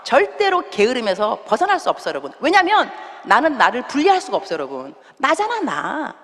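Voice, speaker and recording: A woman pastor preaching a sermon emphatically, swinging between loud exhortation and hushed asides and mixing in English words. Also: a little high, wildly swooping pitch, brisk. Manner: acts out quoted voices and mixes in English words. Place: large church hall. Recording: long reverb of a church hall.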